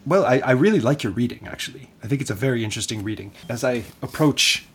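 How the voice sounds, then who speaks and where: A man's voice: medium pitch, quick pace, fairly bright tone, breathy edge. A man hosting an academic interview, engaged and conversational, with some hesitations. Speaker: podcast host.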